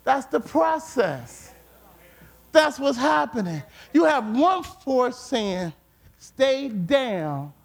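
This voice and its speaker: A man preaching a sermon with emphatic repetition, at times rising to shouts. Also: extremely high pitch, very animated, slow, gravelly, breathy edge. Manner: emphatic, repeats words, rises to shouts.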